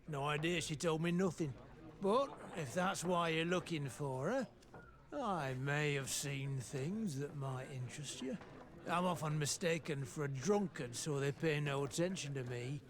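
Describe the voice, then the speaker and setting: A man's voice: a little high, unhurried, close to an everyday voice. A man playing a jovial, slurring town drunk, an old-hand soldier in a video game tavern who chats with sly familiarity. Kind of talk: video game character acting.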